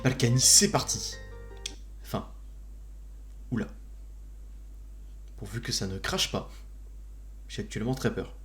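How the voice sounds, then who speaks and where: A man's voice: mid-range voice, expressive, measured pace, long pauses, soft background music. A man doing casual live gaming commentary as a streamer, with a jokey, mock-grand manner and muttered asides. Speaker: video game streamer.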